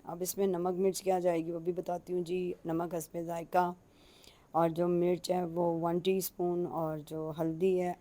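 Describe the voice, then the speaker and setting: A middle-aged woman with a Punjabi accent talks viewers through a home recipe in a casual cooking vlog. Her voice sits a little low and sounds mellow and warm. She chats in a folksy way and addresses her listeners politely. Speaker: home cook.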